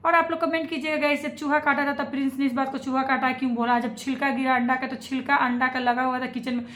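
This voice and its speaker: A woman's voice: high voice, little pitch movement, quick pace, a bit bright, roomy sound. A woman giving opinionated reaction commentary, repeating her points and putting questions straight to her viewers. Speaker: reaction vlogger.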